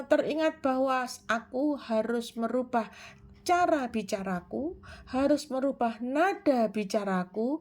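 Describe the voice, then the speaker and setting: High-voiced woman giving self-help advice. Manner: measured, answers her own questions, frequent "eh" fillers. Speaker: self-improvement speaker. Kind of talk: explanatory self-help talk.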